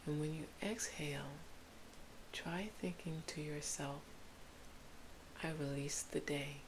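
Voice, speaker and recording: A woman leads a guided sleep meditation in a soft, soothing whisper. Her voice is low and very unhurried, like a spa relaxation guide. A faint hiss runs behind her. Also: fairly even intonation. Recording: hissy background noise.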